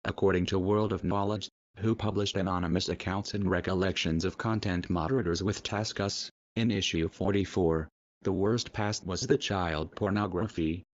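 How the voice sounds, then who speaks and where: A man reading a scripted protest message in a solemn, measured, declamatory way, his voice disguised and artificially deepened. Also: fairly even intonation, dull audio.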